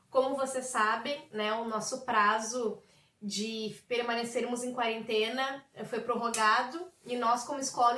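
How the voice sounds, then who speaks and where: A woman's voice: on the high side, a bit bright. Woman, Brazilian Portuguese accent, English teacher, patient step-by-step explaining, roomy echo. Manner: explains slowly, mixing English words into Portuguese. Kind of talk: remote classroom lesson.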